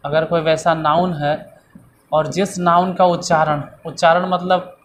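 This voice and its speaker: In a classroom English grammar lesson, a man with a voice on the high side teaches in a level tone at an unhurried pace. He repeats points and asks and answers his own questions, and there's a little hiss or hum.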